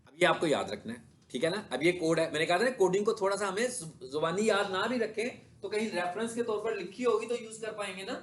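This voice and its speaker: Man, high voice, classroom lecture, asks his own questions and answers them. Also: quick pace, hardly any pauses. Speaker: digital marketing instructor. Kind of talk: classroom lecture with screen demo.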